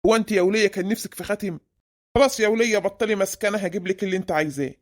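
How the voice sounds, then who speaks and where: A performer voicing a stingy, grumbling middle-aged husband with an Egyptian accent, who scolds his wife in a quick, nagging way. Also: medium pitch, natural voice.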